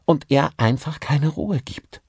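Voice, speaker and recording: A man's voice: a little high, slow pace, a little mellow, slightly rough, no echo, clean studio sound, voice pushed up, heavily acted. A man voicing a submissive ventriloquist who apologizes and pleads in a humble tone. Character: meek, apologetic male ventriloquist.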